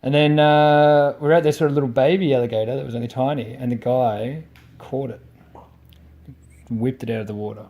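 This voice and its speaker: A man's voice: medium pitch, steady tone, brisk, dull audio. Jokey man hosting a podcast. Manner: jokey, laughs often while talking. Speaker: podcast host. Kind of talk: casual travel chat with friends.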